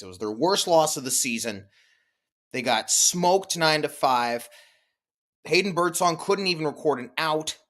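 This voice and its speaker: A man hosting a solo postgame baseball show, talking animatedly with big swings in pitch and loudness and small self-deprecating laughs. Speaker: sports podcast host.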